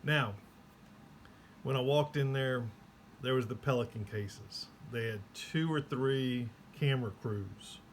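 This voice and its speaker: In a slow, mid-range voice with a faint hiss or hum in the background, a male vlogger gives a loose, casual recap. He rambles as he goes and acts out the people he quotes, slipping into their voices.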